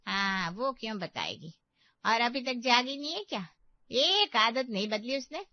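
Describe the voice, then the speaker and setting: A woman voicing a bossy, sharp-tongued old aunt-in-law in a cartoon story, scolding and demanding. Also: fairly high pitch, sing-song, unhurried, dry recording. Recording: dull dry recording.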